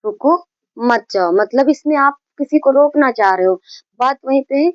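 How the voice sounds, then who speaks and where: A woman's voice: high-pitched, normal speed, no echo, highs cut off. A woman teaching a grammar lesson, explaining patiently, repeating key points and mixing in English terms.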